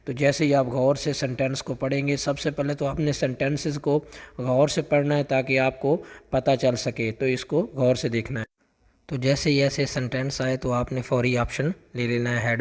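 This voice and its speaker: In a large hall, a male teacher goes over exam questions for an English job test in a level, mid-range voice, carefully reading sample sentences slowly and repeating his explanations again and again.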